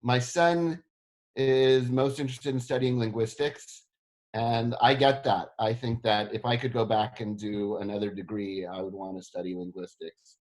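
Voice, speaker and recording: A middle-aged man from South Africa answers interview questions in a relaxed, self-deprecating way. His voice sits at an ordinary middle pitch, and his talk is loose and full of ums and uhs. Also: normal speed. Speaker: history professor interviewed.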